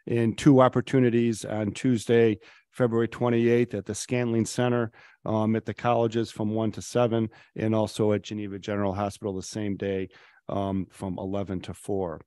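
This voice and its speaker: A man's voice: fairly low pitch, a little mellow, clear, resonant tone, no echo. Middle-aged man, councilor, rambling report with many ums, dry close mic. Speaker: city councilor. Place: city council chamber. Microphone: table microphone.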